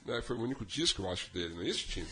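A man's voice: fairly low pitch, very animated, rapid-fire, over music. A man hosting a radio interview, teasing and playful with his guests. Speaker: radio host interviewing a band. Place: radio studio.

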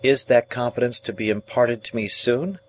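A man voicing a deferential, uneasy young gentleman in an audiobook, speaking politely and hesitantly. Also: mid-range voice, steady tone, normal speed, a little hiss or hum, voice pushed up, close to an everyday voice. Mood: tentative. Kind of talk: audiobook character dialogue.

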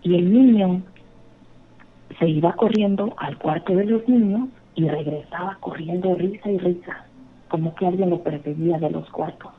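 A woman, calling in and telling her story over a thin, tinny phone line. Her voice is gravelly and husky. She tells it earnestly and rambles, often restarting her sentences. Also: lowish voice, moderate pace. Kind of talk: casual storytelling.

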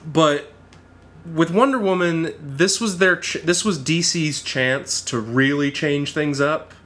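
A man co-hosting a podcast in casual chat, animated and quick to laugh, often restarting his sentences. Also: fairly high pitch. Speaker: podcast co-host.

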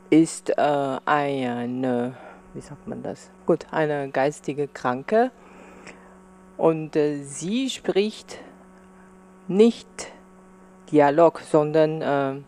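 Woman with a really low voice, talks slow, hunting for words in an interview. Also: darkish tone. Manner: halting, searching for words. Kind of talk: spontaneous interview answer.

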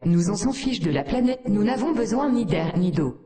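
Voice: mid-range voice, expressive, moderate pace, dark tone, faint music behind, close to an everyday voice. A performer voicing a sardonic female artificial intelligence that talks down to humans with cold contempt, in an echoey room. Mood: scornful.

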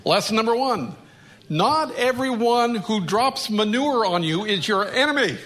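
A man preaching a sermon, telling a humorous story in an animated way. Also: sits high, measured pace. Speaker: pastor.

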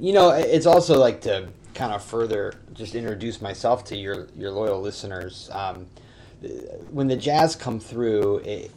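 A man speaking as a podcast guest and sports writer, chatting casually and haltingly as he thinks aloud. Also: fairly low pitch, a little mellow, slight background noise.

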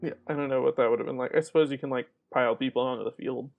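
A man co-hosting a podcast, chatty and quick to laugh, quizzing his co-host with fun facts. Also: medium pitch, fairly even intonation, gravelly, phone-quality sound. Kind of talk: casual podcast chat.

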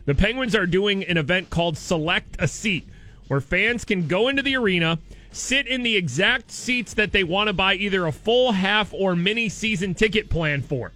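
An American man hosting a radio show, delivering an upbeat, informal contest promo in an excitable way and repeating himself for emphasis. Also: high-pitched, normal speed.

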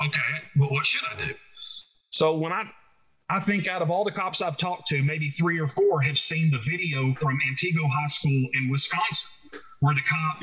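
A man's voice: on the high side, bright, forceful tone, rough recording. A man with an Arkansas Southern accent explaining things informally as an expert guest, plain-spoken and emphatic, repeating key phrases for stress. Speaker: guest expert, trainer who speaks to schools and police.

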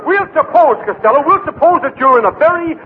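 A man's voice: very high voice, expressive, quick pace. An actor playing a pompous, fussy male etiquette professor in 1940s radio comedy. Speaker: pompous charm-school professor. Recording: tinny old radio broadcast with heavy hiss.

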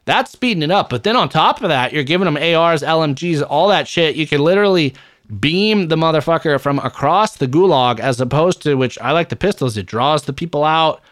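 A man's voice: on the high side, animated, a little fast, fairly bright tone, dry recording. Blunt, profane man on a dry mic. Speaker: podcast co-host. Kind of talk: casual gaming podcast chat.

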